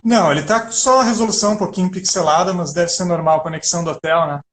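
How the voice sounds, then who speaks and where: A man's voice: sits high, fast talker, a bit bright. A man with a Brazilian Portuguese accent, co-hosting a video-call chat and speaking reflectively and earnestly about sacred music. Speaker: co-host, liturgical music educator. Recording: roomy video call audio.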